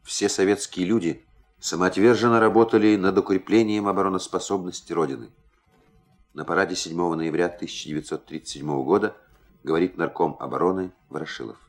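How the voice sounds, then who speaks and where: Low-pitched solemn male documentary narrator. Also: fairly quick.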